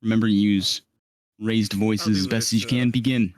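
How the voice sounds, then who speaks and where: Calm, directive game master, low voice. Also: male voice, moderate pace, no room sound. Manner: calm, directive, frequent ums. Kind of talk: briefing players for a live tabletop role-play. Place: live stream.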